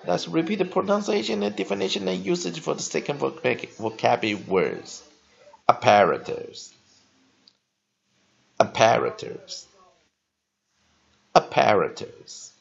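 A male English teacher giving a vocabulary lesson, spelling words letter by letter and repeating them slowly. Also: medium pitch, gravelly, lo-fi sound.

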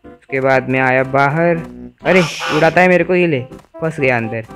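A man's voice: mid-range voice, normal speed, over music. A young man giving playful, teasing commentary over a video game and talking to its characters. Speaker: gaming YouTuber. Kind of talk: Let's Play commentary.

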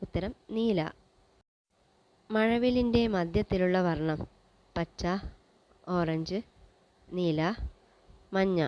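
A woman presenting a general-knowledge quiz, reading each question and its options in a measured, list-like way. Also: on the low side, dark tone, a little hiss or hum, rough recording.

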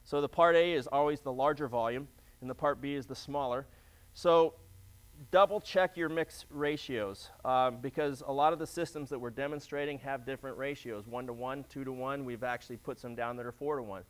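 A man's voice: mid-range voice, normal speed. A middle-aged man giving a practical instructional demonstration, explaining as he works, with frequent fillers and restarts. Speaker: flooring demonstrator. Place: large warehouse floor, indoors.

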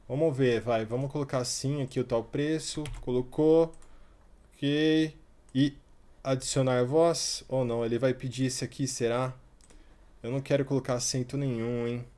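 A man in his thirties hosts a relaxed screen-recorded tutorial at an ordinary pitch. He talks loosely as he clicks around, tossing in little fillers and asides as he goes. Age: 30s. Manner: chatty, talks while clicking through a website, many fillers like "tá" and "ó". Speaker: tutorial host.

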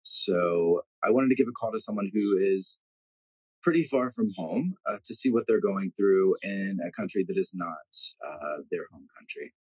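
A man's voice: sits low, normal speed, a little mellow, husky, dry recording, low-quality recording. A man in his thirties hosting a video podcast from his backyard, speaking earnestly and thanking his guest. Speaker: host. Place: backyard garden outdoors.

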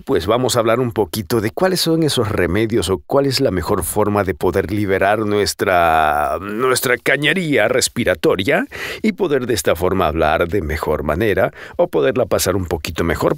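A man's voice: lowish voice, big pitch swings, moderate pace, dry recording, studio quality. A man with a cold, hosting a casual podcast and teaching how to breathe and stop sounding nasal, speaking animatedly and demonstrating sounds. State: congested with a cold. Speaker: voice coach podcaster. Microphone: close studio microphone.

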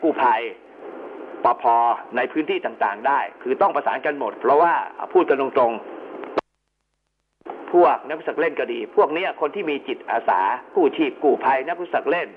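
A man's voice: mid-range voice, a little slow. A man giving an explanatory lecture as an instructor, going step by step with informal asides. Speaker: instructor in amateur radio emergency communications. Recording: narrow phone-like band with clear background noise.

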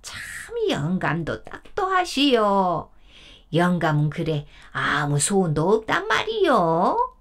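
A woman voicing a hot-tempered old grandmother who scolds and nags sarcastically. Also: medium pitch.

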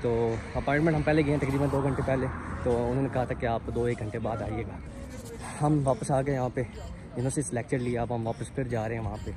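A medium-pitched man with a steady tone talks quickly in a Pakistani accent. The twentysomething university student vlogs casually to his phone at arm's length, explaining things and mixing in English as he moves between city streets and shops. Background music is laid over the phone recording.

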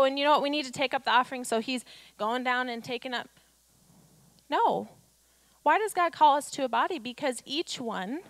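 A woman's voice: high-pitched, fairly bright tone, dry recording. A woman in her thirties preaching a sermon on a church stage into a handheld mic, urging her listeners with rhetorical questions. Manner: exhortative, rhetorical questions, acts out quotes.

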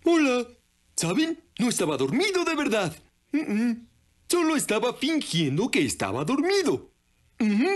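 Una mujer que dobla a un muñeco niño alegre y juguetón que guía juegos y habla a los niños que lo ven. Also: female voice, fairly high pitch, big pitch swings, measured pace. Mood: playful. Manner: bouncy, coaxing, talks to viewers. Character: cheerful playful puppet boy leading games. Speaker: dubbed puppet character. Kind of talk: children's TV dub.

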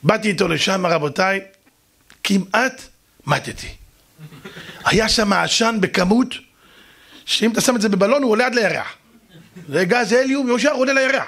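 A man, a rabbi, telling a lively story straight to his listeners and acting out other people's voices. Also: sits high, creaky, pauses often. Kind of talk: storytelling talk to an audience.

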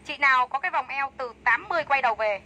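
Woman livestream seller, high bright voice, upbeat repetitive sales patter, faint background noise. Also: expressive, quick pace, rough recording. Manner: chatty, enthusiastic sales pitch, repeats prices. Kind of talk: fast live-sale patter.

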